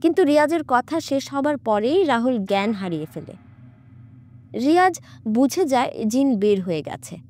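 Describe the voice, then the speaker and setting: A woman narrating a horror audiobook with a high voice that rises and falls a lot. Her reading is dramatic and expressive, driving the story forward between the character voices. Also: normal speed.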